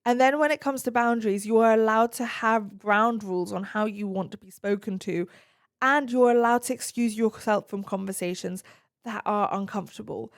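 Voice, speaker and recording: A woman's voice: on the high side, normal speed. A woman hosting an advice podcast, answering listener questions in an earnest, direct and reassuring way.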